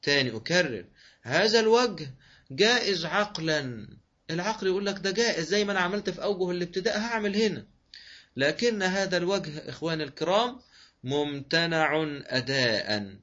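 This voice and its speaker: A man's voice: high voice, animated, fairly bright tone. Egyptian man teaching recitation rules, dull audio. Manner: patient, repeats rules slowly, asks and answers his own questions. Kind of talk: online tajwid lesson. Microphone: online voice room.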